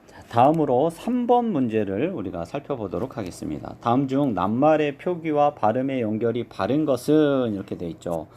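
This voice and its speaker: A man teaching an exam review lesson, explaining step by step and slowly modeling each pronunciation. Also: medium pitch, very animated, warm tone.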